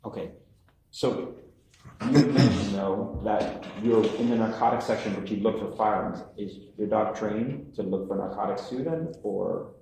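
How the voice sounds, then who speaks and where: A man examines a witness in a steady, formal manner, his voice low and dark. It is a courtroom recording, roomy and echoing off the walls, with a faint hiss underneath. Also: creaky. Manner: measured, formal questioning with restarts. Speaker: prosecutor.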